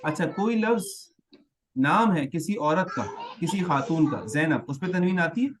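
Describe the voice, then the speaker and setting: A man teaching a classroom grammar lesson in a slightly higher-than-usual voice. He explains patiently and stretches out example words. He keeps checking that his students are following. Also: lively intonation, noisy background. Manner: patient, checks understanding often.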